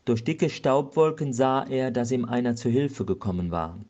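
A male pastor giving a slow, measured Advent sermon. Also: mid-range voice, a little mellow, lo-fi sound.

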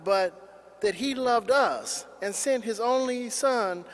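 A man reading the gospel aloud at mass in a measured, solemn way, his voice carried by a cathedral echo. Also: very high voice. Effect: cathedral echo, long church reverb. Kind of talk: liturgical scripture reading. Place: large church. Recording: long reverb in a large church.

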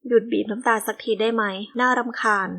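A woman's voice: fairly high pitch, little pitch movement, brisk, pushed and bright. Harsh, cold young officer, male, bitter, read by a woman; storybook reading. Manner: harsh, scolding.

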